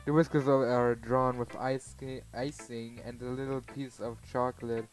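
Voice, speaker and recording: A man with a German accent reads narration from a fan-made visual novel, stumbling over words and breaking into laughs. His voice sits at a middling pitch, with faint game music behind him. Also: little pitch movement, normal speed, poor audio. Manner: stumbling, laughing casual reading. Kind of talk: reading a visual novel aloud.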